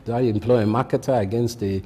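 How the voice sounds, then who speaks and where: In a big-sounding room, a Nigerian-accented man replies to interview questions about his work as a content creator and fashion designer. He is measured and uses many ums, with a medium-pitched, dark voice and fairly even intonation.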